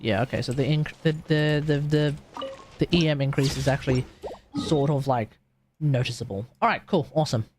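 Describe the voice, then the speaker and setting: With game music in the background and a little hiss or hum in the recording, a streamer rambles casually to themself and the chat during live play. The voice is medium-pitched, brisk and slightly mellow.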